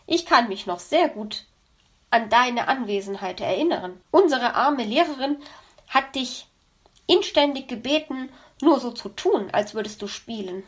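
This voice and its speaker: A woman's voice: on the high side, expressive, unhurried. Kitty, a woman as a cheerful teasing elf. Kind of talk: audiobook reading.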